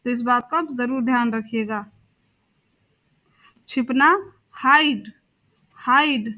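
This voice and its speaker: Slow, high-voiced woman teaching vocabulary. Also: bright, forceful tone. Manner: slow, repeats each word twice, spells words out. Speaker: English teacher. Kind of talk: vocabulary lesson.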